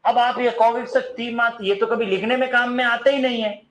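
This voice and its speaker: A man's voice: very high-pitched, fairly even intonation, a little fast, a bit bright, low-quality recording. A man teaching a grammar lesson, asking his class questions, answering them himself, and singing snatches of songs as examples. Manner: sings snatches of songs to show long vowels.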